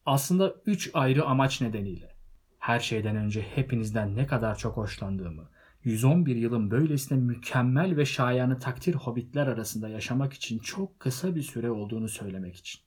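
A man's voice: medium pitch, expressive, moderate pace, a little mellow, slightly rough. A man voicing a jovial elderly male hobbit who gives a grand, declaiming speech at a party.

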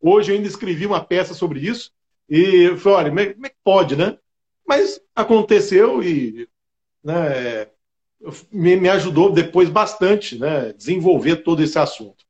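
A man's voice: high-pitched, measured pace, highs cut off. A middle-aged man from Brazil, a state attorney, telling a personal story in an interview, often adding "né". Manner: animated, fills with "né" often.

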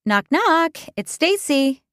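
A woman's voice: medium pitch, lively intonation, moderate pace, no echo, clean studio sound, lightly acted. A woman voicing a young woman sleuth, anxious and curious, speaking in a tense, breathless way.

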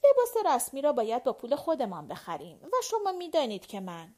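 A woman doing a gentle young general. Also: on the high side, huge pitch swings. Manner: soft, gentle. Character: poor young male general, gentle and earnest.

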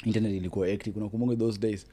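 A man from South Sudan with an East African accent, chatting casually as a guest, rephrasing haltingly and mixing in Swahili. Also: fairly low pitch, fairly even intonation, mellow. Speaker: interview guest. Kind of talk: casual chat, code-switching with Swahili.

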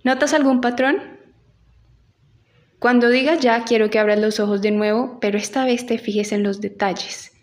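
A woman's voice: fairly high pitch, steady tone, moderate pace. A woman giving an instructional audio lesson as an acting teacher, speaking directly to the listener and guiding them through an exercise. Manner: addresses listener directly with instructions and reflective questions.

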